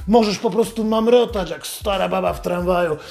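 A man's voice: sits high, moderate pace, gravelly, a little mellow. A man hosting a podcast, delivering a sarcastic, heavily profane satirical monologue. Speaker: podcast host.

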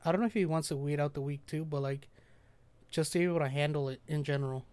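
A young man with a fairly high, smooth voice co-hosts a casual podcast. He tells stories in an animated way and laughs easily. The recording is dry and close. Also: fast, dry recording. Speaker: podcast co-host. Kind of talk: casual storytelling.

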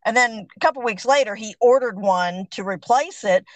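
A woman's voice: on the high side, normal speed, dry recording, rough recording. Woman host, dry close sound. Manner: empathetic, relates own experience. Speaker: interview host. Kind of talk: conversational interview.

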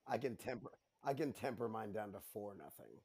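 A man with a fairly low voice chats about soccer in a joking, easygoing way. He tends to say his point twice. It is a relaxed talk among co-hosts. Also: brisk, vocal fry, crowd noise. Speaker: podcast co-host. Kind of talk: casual sports chat.

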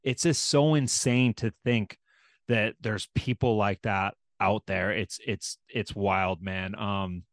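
A man's voice: lowish voice, steady tone, slow pace, no echo, clean studio sound. A man hosting a podcast in casual chat, often restarting and repeating words, with loose swearing. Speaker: podcast host.

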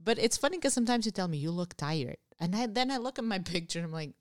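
A woman's voice: on the high side, animated, rapid-fire, no echo, studio quality. A woman in a casual chat, talking loosely and filling her sentences with "you know". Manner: chatty, full of "you know" fillers.

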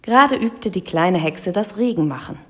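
A woman narrating a children's audiobook in a lively storytelling manner. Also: mid-range voice, moderate pace.

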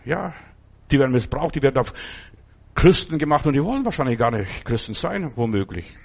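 Gravelly and husky, this mid-range voice belongs to a man delivering an emphatic sermon. He's expressive and a little fast, repeating phrases over and over and tossing in the tag question "ja?"

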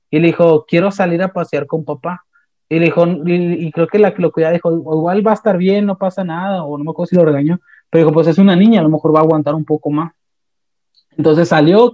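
A young man with a Mexican accent, casually retelling an anime plot in a slangy, animated way with many restarts. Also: on the high side, dry recording. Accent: Mexican Spanish. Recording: dull, slightly lo-fi dry sound.

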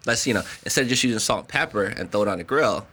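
A man's voice: fairly low pitch, lively intonation, bright, forceful tone. A man co-hosting a casual podcast, talking emphatically and building his points with homely analogies. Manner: quick, emphatic, uses food analogies. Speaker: podcast co-host. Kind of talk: casual chat.

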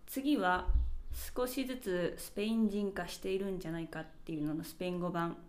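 A woman's voice: fairly low pitch, steady tone, a little fast, over loud music. A woman hosting her own podcast, chatting casually and reflectively as she walks through examples one by one. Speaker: podcast host. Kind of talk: casual solo podcast talk. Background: birds chirping.

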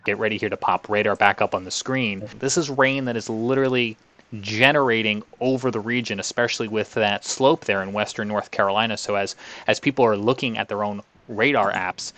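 A man's voice: on the low side, fairly quick, a bit bright. A man presenting a live weather show as its host.

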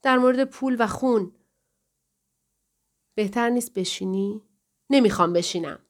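A woman's voice: medium pitch, close to an everyday voice. Woman reading a tense, frightened young wife. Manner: tense, demanding. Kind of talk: audiobook dialogue reading.

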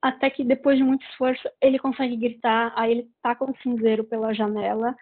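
A woman's voice: fairly high pitch, little pitch movement, brisk. A woman with a Brazilian Portuguese accent, casually retelling a book's plot in a rambling way with many fillers. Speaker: book reviewer. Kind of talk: casual book review chat. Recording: tinny phone-like sound.

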